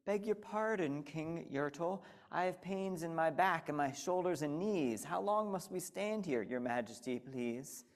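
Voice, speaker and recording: A man's voice: fairly high pitch, a little slow, hardly any pauses, pitched above the performer's own voice. A man voicing a humble, put-upon little turtle who pleads politely and wearily in a storybook reading. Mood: pleading. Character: meek humble male turtle at the bottom of a stack, put-upon.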